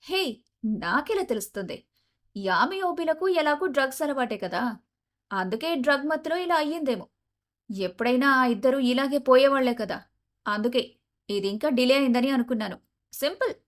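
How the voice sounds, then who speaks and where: A playful, mocking young husband from an audio romance story, put on by a woman narrator who drops her voice for him. He talks with easy confidence and a teasing edge. The voice sits fairly high for a man. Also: brisk, lightly acted.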